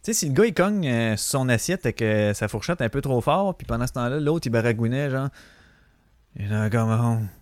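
A man's voice: medium pitch, lively intonation, brisk, few pauses, no echo. Quebec French male host, casual slangy rambling monologue, dry close sound. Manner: rambling, slangy, swears freely. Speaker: podcast host.

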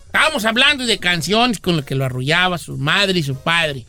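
High-voiced theatrical man. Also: animated, moderate pace, bright, forceful tone. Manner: exaggerated, theatrical, jokey storytelling. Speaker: radio host. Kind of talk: comedic radio banter. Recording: music playing behind.

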